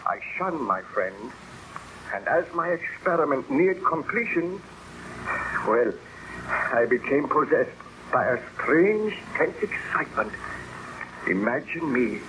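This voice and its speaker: A man's voice: medium pitch, sing-song, slow, long pauses. An actor playing a haunted, exhausted baron obsessed with killing his monster, in theatrical, formal old radio melodrama style. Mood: brooding, confessional. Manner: theatrical, intense, formal speech. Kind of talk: 1930s radio melodrama acting. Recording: noisy vintage radio drama recording.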